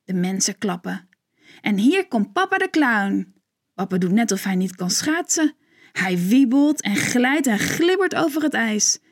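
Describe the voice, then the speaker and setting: A woman narrating a children's story in a gentle, clear storytelling manner. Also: on the high side, sing-song, measured pace.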